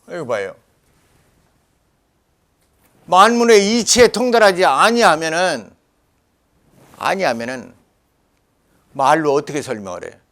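An older man lecturing forcefully in a Jeolla dialect, scolding and rambling. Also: on the high side. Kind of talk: animated lecture.

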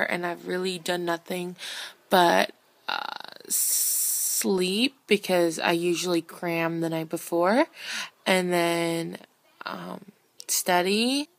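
Slow-talking young woman vlogger, lowish voice. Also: steady tone, dry recording. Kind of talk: casual chat to camera.

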